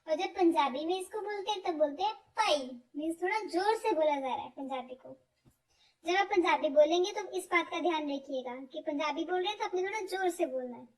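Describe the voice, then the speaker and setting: A woman teaching word lists, slowly repeating each word with stress. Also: very high-pitched. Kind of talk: explaining vocabulary, slow and repetitive. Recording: voice from far off the mic.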